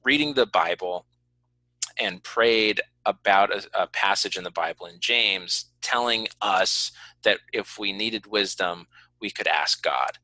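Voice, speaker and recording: Recorded with no room sound and poor audio, this podcast host has a lowish, pushed, bright voice and speaks a little slowly. He talks casually, as in a conversational interview, explaining earnestly and hedging his points along the way.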